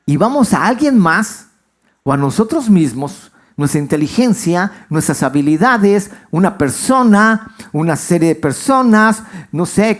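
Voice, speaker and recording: A male pastor preaches conversationally in church, weaving in stories and asking the congregation questions. His pitch swings widely as he speaks.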